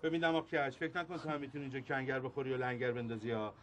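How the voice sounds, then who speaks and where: A man acting in a comedy scene, bossy and insulting, quick to shout. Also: mid-range voice, fairly even intonation. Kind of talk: sitcom acting.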